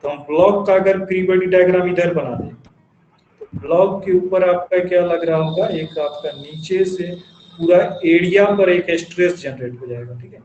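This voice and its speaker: High-voiced man teaching in an echoey classroom. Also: darkish tone, dull audio, a little hiss or hum. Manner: asks the class questions and answers them himself; dictates definitions slowly in English. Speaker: engineering teacher. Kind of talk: classroom lecture. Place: classroom with students. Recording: echoey classroom recording with faint ambience.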